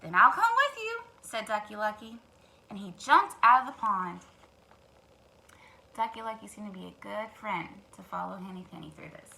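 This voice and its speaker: A woman teacher reads to young children at normal speed in a medium-pitched voice, leaving long pauses and speaking to them directly in expressive asides. The recording is rough and the background noise is clear.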